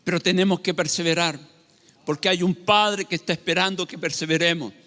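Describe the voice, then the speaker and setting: A man's voice: sits high, fairly even intonation, brisk, sharp tone, big-room sound. A man preaching a sermon as pastor, emphatic and asking his listeners rhetorical questions.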